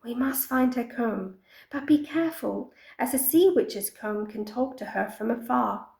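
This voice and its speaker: A woman voicing an urgent, careful female sea companion in a whispered role-play, speaking in hushed tones. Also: on the high side, a little slow, vocal fry, reverberant.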